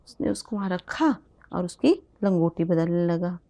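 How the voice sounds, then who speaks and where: A woman storyteller narrating a tale for children in an expressive, animated way. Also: lowish voice, moderate pace, creaky.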